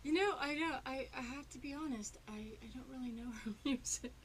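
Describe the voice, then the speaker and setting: A woman's voice: high voice, a little hiss or hum. Rambling woman hosting a studio chat show. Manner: rambling, halting, many fillers and restarts. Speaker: TV talk show host. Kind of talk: casual on-air interview. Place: public access TV studio.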